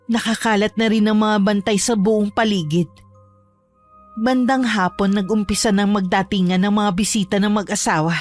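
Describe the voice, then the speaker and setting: A woman giving scripted horror narration in a measured, grave tone. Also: mid-range voice, steady tone, soft background music. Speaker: storyteller.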